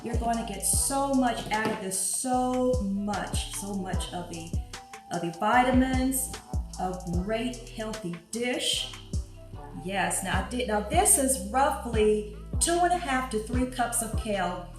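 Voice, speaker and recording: A woman's voice: fairly high pitch, slow pace. Chatty woman cooking in an echoey kitchen. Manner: chatty, upbeat, thinks aloud while working. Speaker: cooking show host. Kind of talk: home cooking demonstration. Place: home kitchen. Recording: very echoey room with music behind.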